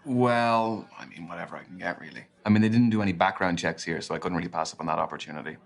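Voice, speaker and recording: An awkward young speed dater with an Irish accent and a very deep voice. He jokes in a dry, hesitant way and stumbles over his words. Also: fast, creaky. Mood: awkward, joking. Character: awkward, sarcastic young man on a speed date. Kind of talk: live-action game acting.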